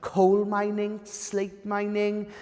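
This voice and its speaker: A young Welsh man from Wales, a native Welsh speaker, gives a friendly, self-deprecating public history lecture in a reverberant lecture hall, using many "um" fillers. His voice is high-pitched, monotone and mellow, and he takes it slowly.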